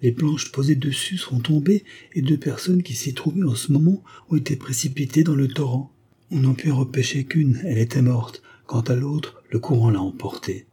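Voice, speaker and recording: An excited country woman pours out news in a raised, breathless telling, her pitch lifted high by a man reading aloud. The tone stays dark and slightly husky beneath the put-on voice. She sounds like a simple villager in an old novel read as an audiobook. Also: moderate pace, natural voice. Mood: eager telling.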